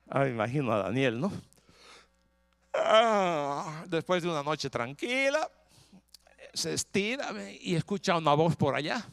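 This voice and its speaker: Male pastor, sermon, lively dramatized storytelling, rhetorical questions, high voice, dry close sound. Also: measured pace, vocal fry, long pauses, no echo. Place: church in Texas.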